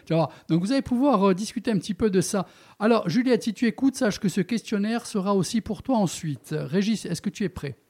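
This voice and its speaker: A fairly high-pitched male radio host, jovial and talkative. He runs a quick questionnaire with his guest, tosses in playful asides and laughs easily. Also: expressive, darkish tone.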